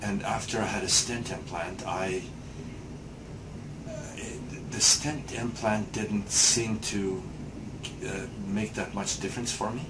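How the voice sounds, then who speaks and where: A man in his sixties gives a patient testimonial in a small clinic room, answering interview questions casually but hesitantly, with many fillers and restarts. His voice is lowish and steady, slow-paced, against a noisy background.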